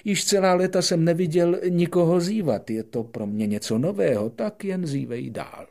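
A man playing a vain, pompous old king in an audiobook, barking loud commands in a raised voice. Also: on the high side, creaky, voice pushed up. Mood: commanding. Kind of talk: audiobook character voice.

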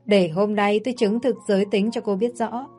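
A woman's voice: medium pitch, steady tone, normal speed, mellow, husky, faint music behind, natural voice. A woman voicing a cold, cocky rich man in glasses, mocking and domineering, in a read-aloud story.

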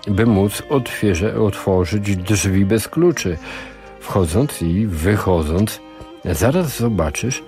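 A man voicing a scheming older male sorcerer who lectures in a slow, measured way. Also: on the low side, darkish tone. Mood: assured.

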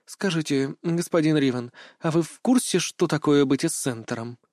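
A man's voice: on the high side, normal speed, darkish tone, no echo, clean studio sound, lightly acted. A man voicing a prickly jealous young woman. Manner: pointed, sarcastic. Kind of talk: audiobook character voice.

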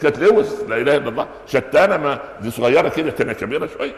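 A man with an Egyptian accent preaching a sermon, telling stories lively and firing rhetorical questions at his listeners. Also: medium pitch, very fast, gravelly. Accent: Egyptian Arabic. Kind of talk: sermon explaining Quran commentary. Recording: echoey hall with long reverb.

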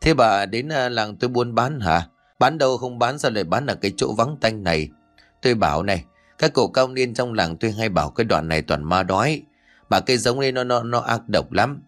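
A man's voice: medium pitch, animated, brisk, a bit bright, soft background music, natural voice. A man voicing an honest, talkative old village man in a spoken horror story, plain and frank, stumbling over a word now and then. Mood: chatty. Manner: frank, talkative, slightly stammering.

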